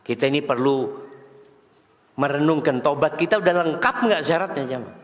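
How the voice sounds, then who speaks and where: Male preacher, high voice, lively sermon with questions to the congregation, roomy reverberant hall. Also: normal speed. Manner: animated, quizzes the congregation. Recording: echoey hall.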